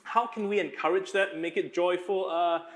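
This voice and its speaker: A man's voice: sits high, fairly even intonation, normal speed, fairly bright tone. A man speaking thoughtfully and conversationally as a panelist. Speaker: panelist who does interviews. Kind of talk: panel discussion.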